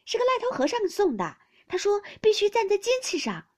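A woman voicing a chirpy, giggly young maid who chatters brightly and excitedly in a storybook reading. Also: extremely high pitch, a little fast, pitched above the performer's own voice, full character voice.

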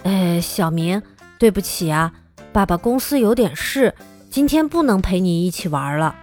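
A woman voicing a gentle, busy father in a children's storybook, speaking softly in a lowered voice. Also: animated, moderate pace, soft background music, close to an everyday voice. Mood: apologetic. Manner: soft, apologetic.

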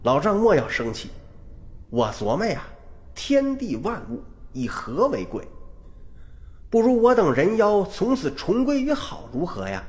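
A man's voice: sits high, wildly swooping pitch, unhurried, a little mellow, pitched above the performer's own voice, heavily acted. A man voicing a sly, scheming female snake demon in a storytelling performance, with a silky, calculating delivery.

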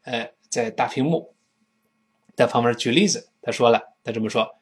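A man teaching an English lesson in a chatty, humorous way, acting out quoted phrases with sudden high jumps in his voice. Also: normal speed, slightly rough. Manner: lively, acts out quoted speech with big jumps in pitch. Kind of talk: recorded language lesson.

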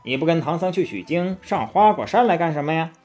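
Male narrator plays a proud monkey king for a storybook, haughty and commanding, lively pitch. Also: a little fast, faint music behind, lightly acted.

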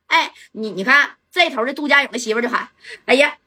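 A woman telling a gangland story in a chatty, lively way, with asides to the listener. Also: high voice, quick pace. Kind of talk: oral storytelling of gangland tales.

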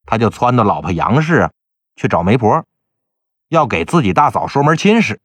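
A man telling a folk tale in a lively, colloquial storytelling manner. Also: medium pitch, moderate pace, slightly rough, no room sound. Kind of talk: storytelling narration.

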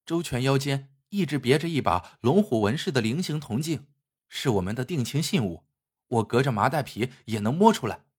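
A male storyteller voicing a loyal, resolute young village wife, speaking quietly and earnestly. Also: mid-range voice, animated, moderate pace, breathy edge.

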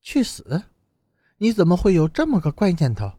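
A man reading an audiobook and voicing an earnest, idealistic young woman student with quick, questioning lines. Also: high-pitched, sing-song, warm tone, no room sound, studio quality, voice pushed up. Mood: earnest, puzzled. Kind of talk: audiobook character voice.

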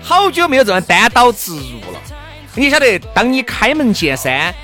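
High, lively Sichuanese man bantering on radio. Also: moderate pace. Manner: teasing, jokey, exclamatory. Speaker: radio talk show co-host. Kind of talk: bantering casual chat. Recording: music bed behind the voice.

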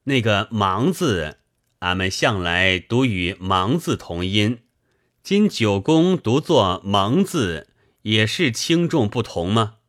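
A man's voice: on the low side, big pitch swings, slow pace, fairly bright tone, no room sound, clean studio sound, heavily acted. A man voicing a blunt, boastful middle-aged merchant with folksy talk.

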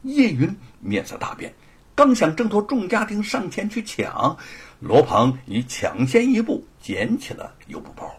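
Raspy, animated male storyteller. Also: high-pitched, a little slow. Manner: dramatic, animated narration. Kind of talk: traditional spoken storytelling.

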